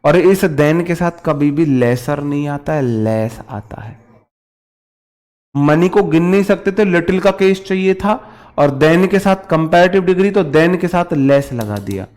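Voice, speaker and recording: A man with an Indian accent teaches English grammar to exam candidates in an informal, classroom-style lesson, switching between Hindi and English. His voice is a little high and darkish, with lively intonation and a slow pace. He drills points by repetition and addresses students familiarly.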